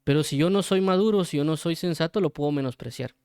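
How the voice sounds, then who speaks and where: A man giving an informal Bible commentary, talking conversationally with many pauses and acting out imagined exchanges between people. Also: on the high side, darkish tone, clear, resonant tone, no room sound, clean studio sound. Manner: conversational, acts out imagined dialogues; hesitant, frequent fillers and restarts. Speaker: Bible teacher.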